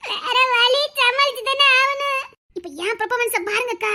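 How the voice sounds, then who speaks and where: A woman with a Tirunelveli Tamil accent acting in a comedy sketch, chattering fast and scheming. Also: very high voice, fairly even intonation, heavy background noise. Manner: fast, chattering and scheming, often laughing as she talks.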